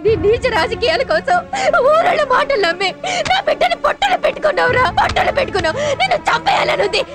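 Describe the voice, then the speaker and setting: A woman's voice: big pitch swings, fast talker. An actress playing an angry, grieving wife and mother who scolds her husband in a film comedy. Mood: furious. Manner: shrill, scolding. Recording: film soundtrack with loud music.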